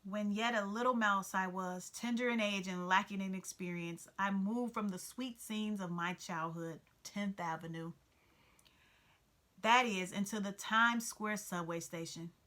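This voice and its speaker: A woman's voice: medium pitch, a little slow, bright, forceful tone. A woman voicing a fussy, sentimental male mouse who talks in a whiny, pitiful, dramatic way, reading a storybook aloud. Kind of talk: storybook read-aloud character voice.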